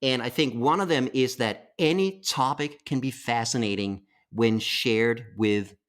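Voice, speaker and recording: A medium-pitched man with an American accent co-hosts a podcast, speaking at a measured pace. He tells stories in casual chat with a playful, enthusiastic energy.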